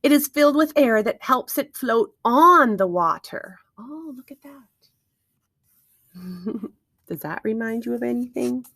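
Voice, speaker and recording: A woman with a fairly high, creaky voice reads a picture book to young children, a little slowly and in a very animated way. Like a teacher, she speaks carefully and expressively, encouraging her listeners with questions and wondering asides. The recording is close and dry, with no echo.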